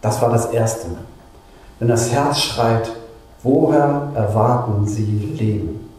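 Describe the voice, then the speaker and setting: A man's voice: medium pitch, slow pace, slight background noise. Man preaching in a very echoey church. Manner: lively, conversational, with asides and little jokes. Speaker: pastor. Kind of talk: sermon.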